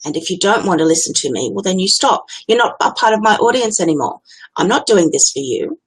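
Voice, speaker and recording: A woman's voice: mid-range voice, expressive, fairly quick, slightly rough, rough recording. A woman with an Australian accent, hosting a live stream as a business coach and talking in a candid, chatty, blunt way. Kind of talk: unscripted live-stream talk.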